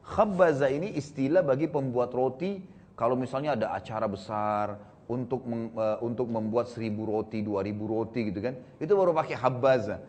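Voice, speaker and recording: A man giving a storytelling sermon to a congregation, retelling the tale with lively energy and frequent tag fillers. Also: mid-range voice. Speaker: preacher.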